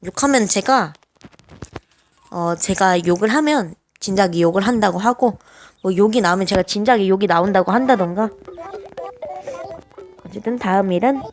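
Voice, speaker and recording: A woman with a naturally high voice, chatting casually as she plays a life-sim game, hesitant and full of little filler sounds. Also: normal speed, long pauses. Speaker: game streamer. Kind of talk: casual gameplay commentary.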